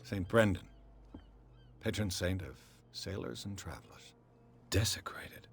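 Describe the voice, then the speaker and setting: An actor playing a stern older male investigator in a video game, with a gravelly voice. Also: sits low, lively intonation, a little slow, slight background noise, heavily acted. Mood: grim.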